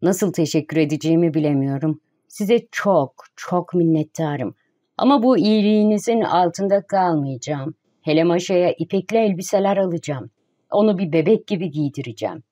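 A woman reading the lines of an idle, gentle young gentleman in an audiobook, in a soft, plaintive way. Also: on the low side, expressive, moderate pace. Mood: polite, shy.

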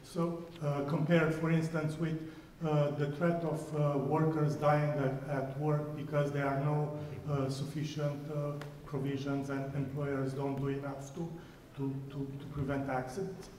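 Halting man asking questions in a hall. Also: on the high side, level tone, darkish tone. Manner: halting, full of "uh" pauses. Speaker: audience member asking questions. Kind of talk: question from the floor. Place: large church hall. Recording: echoey hall, voice picked up from far off, faint noise.

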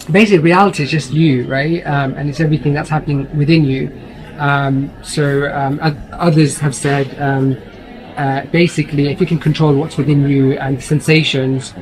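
A man's voice: fairly high pitch, rough recording. A man, hosting a vlog and talking eagerly with fillers. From London. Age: 30s. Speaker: vlog host. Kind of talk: casual vlog talk.

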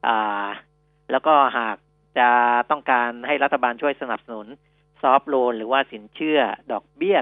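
A man co-hosting a finance radio talk show, explaining policy in a measured way with many fillers. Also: mid-range voice, no echo, soft background music. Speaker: radio co-host. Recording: dry, phone-like narrow band.

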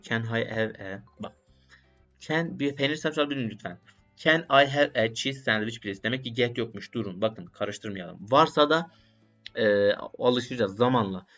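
A man's voice: mid-range voice, a bit bright. A man studying on camera, thinking aloud and repeating short phrases to himself in a casual vlog. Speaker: language learner vlogger. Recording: dull lo-fi sound with faint music.

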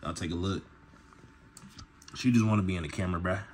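A man's voice: deep voice, brisk, darkish tone, a little hiss or hum. A man talking casually to camera as a gear vlogger, with a laid-back, slangy delivery full of "bro" and "y'all". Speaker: gun channel vlogger.

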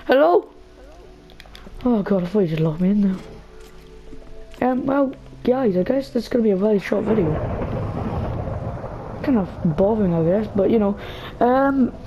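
Speaking in a mid-range voice at normal speed, she sounds animated but pauses often as she narrates her game. The young host talks nervously and casually to viewers and to a character on screen, recorded on a dull lo-fi mic with faint music from the game.

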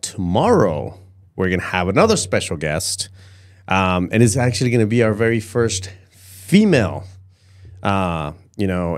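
A man's voice: lowish voice, a little mellow. A man in his forties hosting a casual livestream on a close studio mic, often repeating words and phrases. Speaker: host of a livestream show. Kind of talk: casual livestream chat and sign-off. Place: acoustically padded studio, indoors. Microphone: close podcast microphone.

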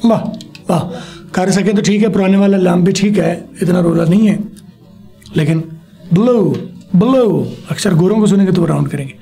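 A man teaching a spoken language lesson, slowly modeling words and having a pupil repeat them back after him. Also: high voice, gravelly, dark tone, soft background music. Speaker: English teacher.

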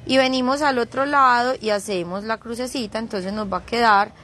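A woman's voice: on the high side, fairly quick, fairly bright tone, slight background noise. A woman leading a live craft tutorial, chatty and teasing, dropping playful sound effects as she works. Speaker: craft instructor streaming live.

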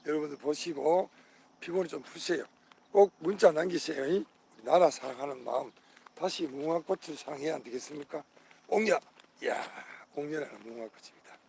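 Older man, gravelly voice, outdoor garden vlog, naming flowers one by one, faint crickets behind. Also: fairly high pitch, a little fast, dark tone, a little hiss or hum. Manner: exclaims over each flower, repeating names; hearty patriotic appeals to viewers. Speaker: channel host.

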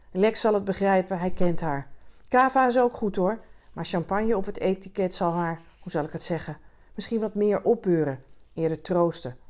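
A woman's voice: on the low side, darkish tone, lightly acted. A woman reading as a rambling, grieving man. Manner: rambling, hesitant, heartfelt. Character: rambling grief-stricken man at a bar.

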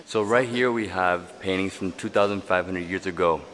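Young guy doing a travel vlog, excited tour-style talk, handheld cam, noisy outdoor background. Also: low voice, moderate pace. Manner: enthusiastic, touristy explaining. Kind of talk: casual travel vlog narration. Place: outdoors at a temple site and inside caves.

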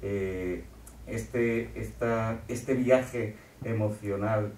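Man interviewing, low flat voice, heard from a distance in an echoey room with faint ambience. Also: very slow, slight background noise. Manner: searching, hesitant questions. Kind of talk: conversational interview.

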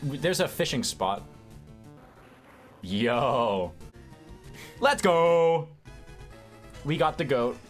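A man's voice: medium pitch, big pitch swings, very slow, pauses often, soft background music. A young man in casual, crude, joking banter as he streams a video game with a friend. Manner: joking, crude, laughing often. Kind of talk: casual let's play banter.

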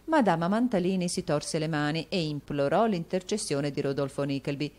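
A woman reading a novel aloud as an audiobook narrator, steady and measured. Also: deep voice. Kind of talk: scripted narration.

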